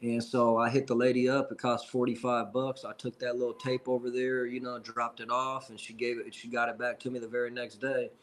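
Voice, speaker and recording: A man's voice: mid-range voice, level tone, a little fast, few pauses, rough recording. Rambling man in his forties. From Seattle. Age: 40s. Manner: rambling, frequent "you know what I'm saying". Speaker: rapper guest. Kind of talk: casual storytelling.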